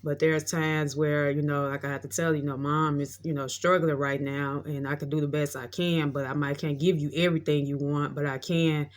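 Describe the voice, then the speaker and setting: A woman's voice: sits low, level tone, moderate pace, hardly any pauses. A woman in her late thirties telling a rambling, heartfelt story in a casual monologue, often repeating herself. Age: 30s. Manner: heartfelt, reflective. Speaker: vlogger.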